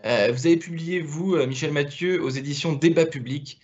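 A man's voice: fairly high pitch, moderate pace, a little mellow, highs cut off. A man hosting a business interview over a video call, asking questions with many hesitations and restarts. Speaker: interviewer, show host.

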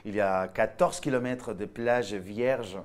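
A Spanish man in his thirties speaking French with a Spanish accent, answering interview questions as a guest actor, animated and restarting phrases. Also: lowish voice, measured pace. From Spain.

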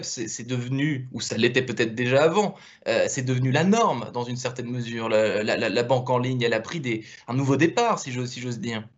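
Brief: French male host running a video interview, mid pitch, halting delivery, muffled audio. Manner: hesitant, stacks fillers and repeated words.

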